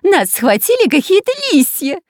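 A woman voicing a shrill, panicky, long-nosed male pirate spy. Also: very animated, normal speed, a little mellow, dry recording, studio quality. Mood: panicked. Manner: squealing, panicky.

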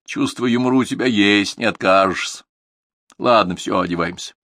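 A man's voice: lowish voice, moderate pace, fairly bright tone, dry recording, lightly acted. A male reader voicing a touchy, brooding man.

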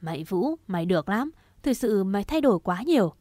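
Một người phụ nữ đọc giọng một gã trai trẻ thủ đoạn, nói giọng khiêu khích, chế giễu và hay chửi thề. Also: female voice, mid-range voice, big pitch swings, fairly quick, warm tone, dry recording, studio quality. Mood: taunting. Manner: mocking, swearing, provocative. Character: crude scheming young man, taunting and foul-mouthed.

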